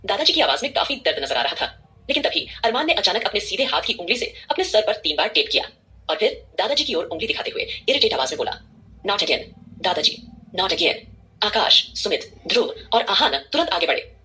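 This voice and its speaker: A woman narrating a dramatic audio story, reading expressively. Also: mid-range voice. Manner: expressive, fast-paced reading.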